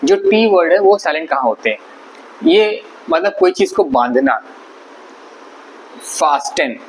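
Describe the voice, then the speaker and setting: A man's voice: on the high side, low-quality recording. A man teaching an English vocabulary lesson, explaining patiently and repeating words syllable by syllable. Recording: faint background noise.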